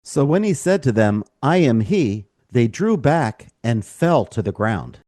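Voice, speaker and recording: Guy reading bible verses on a podcast, warm low tone, goes up and down a lot, dry sound. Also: big pitch swings, a little slow, dry recording. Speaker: podcast co-host, scripture reader.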